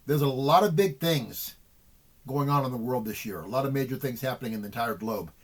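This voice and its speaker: A man's voice: medium pitch, fairly quick. A middle-aged man talking earnestly to his viewers in a vlog monologue, repeating words and restarting sentences often. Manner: earnest, repetitive, with frequent restarts. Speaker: vlogger. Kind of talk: emotional monologue to camera.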